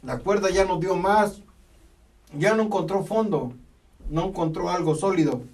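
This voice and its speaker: High-voiced preacher heard from afar. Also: male voice, normal speed, darkish tone. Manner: emphatic, repeats phrases, punctuates with "amén". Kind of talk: sermon. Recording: voice from a distance from the mic.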